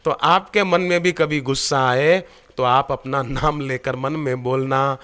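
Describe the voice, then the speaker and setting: A man's voice: medium pitch, a little slow, smooth. A man preaching a devotional sermon, telling stories with animation and putting questions to his listeners. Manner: animated storytelling, questioning the audience.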